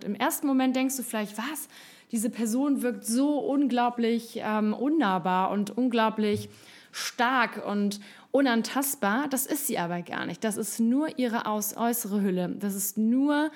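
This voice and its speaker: A woman giving casual spoken advice to the viewer, chatty, with frequent fillers and self-corrections, sometimes acting out calm, firm replies in a lowered voice. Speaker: advice coach on handling bullying.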